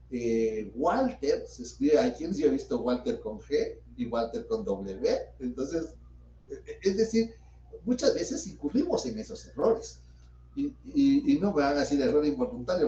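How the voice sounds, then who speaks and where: A man's voice: a little high, warm tone, a little hiss or hum. A middle-aged man teaching a law class as a notary, explaining step by step and asking his own questions before he answers them. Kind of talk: university lecture. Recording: dull roomy audio from a distant mic.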